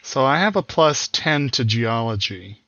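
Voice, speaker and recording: A man's voice: medium pitch, expressive, unhurried, dull audio, noisy background. A man playing a tabletop game, talking casually and a little hesitantly. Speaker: player.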